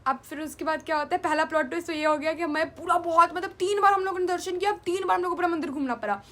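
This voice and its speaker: A young woman telling a travel story in a casual storytime vlog, chatty and animated, mixing in English words. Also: very high-pitched, rapid-fire. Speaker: vlogger.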